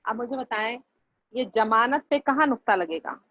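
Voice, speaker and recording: High-pitched lady teacher drilling words over and over, patient, kinda muffled lo-fi audio. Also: lively intonation, normal speed, no echo. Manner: patient, repeats words syllable by syllable for students. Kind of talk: online class lesson.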